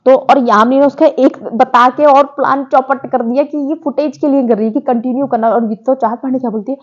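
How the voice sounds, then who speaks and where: Woman, opinionated show recap, chatty, talks to viewers, slightly high voice, muffled lo-fi sound. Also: steady tone, brisk. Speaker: reality show reviewer. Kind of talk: casual recap commentary.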